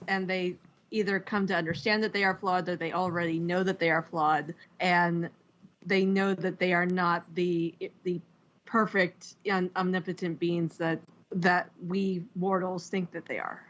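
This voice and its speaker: A woman's voice: on the low side, fairly bright tone, rough recording. A woman co-hosting a podcast in casual chat, speaking thoughtfully and with enthusiasm.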